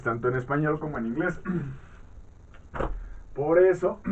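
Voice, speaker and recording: A man teaching English vowel sounds in a halting classroom manner, often clearing his throat and checking in with his students. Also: fairly high pitch. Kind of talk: classroom-style lesson explaining vowel sounds. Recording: tinny phone-like sound from far off the mic.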